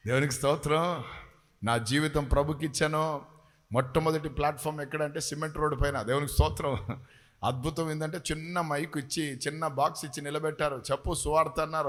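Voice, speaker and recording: A man preaching a sermon and leading prayer, fervent, at times shouting and half-singing his phrases. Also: fairly high pitch. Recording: long hall reverb.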